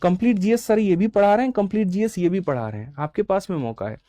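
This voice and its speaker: A young man teaching exam preparation pitches his course batches to students, calling them brother and checking in often. His voice sits a bit high but sounds mellow, close to the mic in a dry room. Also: lively intonation, fast talker, no echo. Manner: addresses students as brother, frequent "theek hai". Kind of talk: online class sales pitch and lesson.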